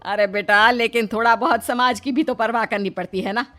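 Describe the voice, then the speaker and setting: A woman plays a middle-aged cartoon mother-in-law. She is motherly and affectionate but easily exasperated, fretting in a high voice over soft background music. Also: fairly even intonation, brisk, lightly acted. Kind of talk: animated moral story acting.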